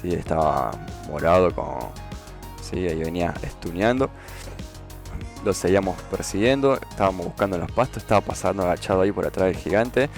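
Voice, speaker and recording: A man's voice: deep voice, brisk. A man giving casual gameplay commentary as a YouTuber, explaining step by step and often checking in with "¿sí?". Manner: explanatory, repeats "¿sí?" to check understanding. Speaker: gaming YouTuber. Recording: faint game music behind.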